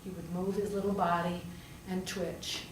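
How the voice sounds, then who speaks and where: A woman pastor, who also serves as a hospital chaplain, preaches a conversational storytelling sermon full of rhetorical questions and emphatic repetition. Her voice is fairly low with little pitch movement, at a normal speed. The recording sounds roomy and distant, with faint noise.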